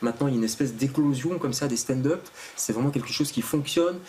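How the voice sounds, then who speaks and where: A talk show host steers the chat in a TV studio, firing off quick questions and dropping in short nods of agreement. He talks fast, and a faint room ambience hangs behind him. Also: mid-range voice, warm tone, a little hiss or hum.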